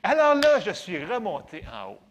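A man with a Québécois French accent giving a faith testimony in an animated, conversational, self-mocking way. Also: high-pitched, normal speed. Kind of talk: storytelling testimony to an audience.

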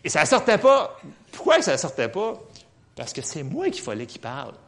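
Animated Quebec French preacher man. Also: on the high side, normal speed. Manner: animated storyteller, laughing often. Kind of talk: personal testimony sermon.

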